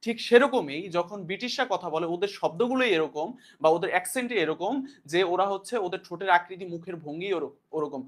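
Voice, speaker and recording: A man's voice: sits high, expressive, brisk. A man teaching a class in a casual lecture style, explaining loosely and often repeating points and asking questions back to his students. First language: Bengali.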